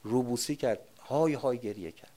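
Give me an older man preaching a sermon, switching between hushed storytelling and forceful, loud emphasis. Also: mid-range voice. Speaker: religious speaker. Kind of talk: sermon with personal war memories.

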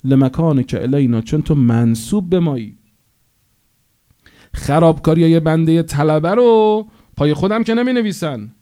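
A man's voice: fairly high pitch, dark tone. A male cleric preaching a sermon in an impassioned, storytelling manner, rising to emphatic peaks.

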